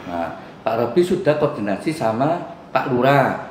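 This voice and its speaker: A man's voice: medium pitch, sing-song, normal speed, darkish tone. A middle-aged man with an East Javanese accent recounts a neighborhood dispute to a mediator, acting out the quoted arguments. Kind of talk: animated retelling to a mediator. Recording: echoey room with faint background hum.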